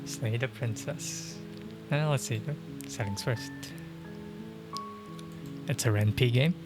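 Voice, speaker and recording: The recording is rough as a young male streamer of medium pitch talks slowly during casual livestream chat while gaming. He rambles with many fillers and chuckles a lot, using a dynamic mic at home while game music plays.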